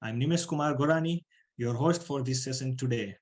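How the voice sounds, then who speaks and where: A man's voice: medium pitch, a little fast, poor audio. A man hosting an online talk, formal in his welcomes and hesitant in places. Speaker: host.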